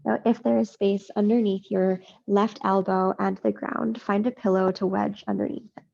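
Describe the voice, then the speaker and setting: A woman yoga teacher leading a slow guided practice, soothing and unhurried with long pauses. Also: medium pitch, little pitch movement, gravelly, warm tone, dull audio.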